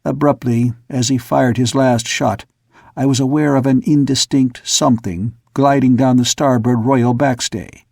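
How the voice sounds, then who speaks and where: A man narrating an audiobook in a steady storytelling manner. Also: mid-range voice, a little slow, creaky, breathy edge, no room sound, studio quality. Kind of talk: scripted narration.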